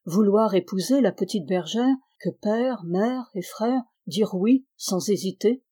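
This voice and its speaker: Woman narrator for a storybook reading, calm and measured, warm mellow voice. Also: mid-range voice, slightly rough.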